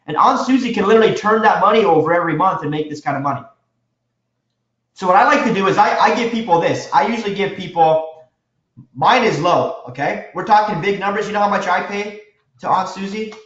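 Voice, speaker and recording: Man teaching a seminar, high voice, energetic, quizzes the room, echoey dull recording. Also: a little fast. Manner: energetic, quizzes the audience with questions. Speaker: real estate instructor. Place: seminar room with a live audience.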